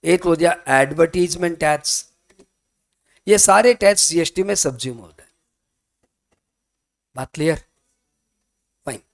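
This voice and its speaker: A man's voice: on the high side, unhurried, creaky, long pauses. A man teaching tax in a chatty classroom lecture, asking his students questions and answering their imagined ones. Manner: chatty, mixes Hindi and English, asks students questions.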